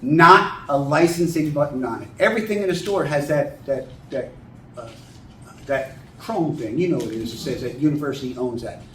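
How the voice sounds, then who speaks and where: An older man telling stories to a writers' group in a plain-spoken, animated way. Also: a little high, normal speed, distant mic. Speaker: author and guest speaker. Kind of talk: folksy storytelling talk to a writers' group. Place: meeting room. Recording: echoey room, mic from afar, faint hiss.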